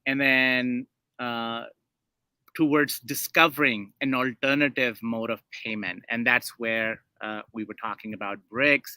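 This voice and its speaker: Man, from Saudi Arabia, interview guest, very bright voice, dry close sound, measured and hesitant. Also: mid-range voice, no echo. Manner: measured, hesitant with many fillers. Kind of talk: interview answer.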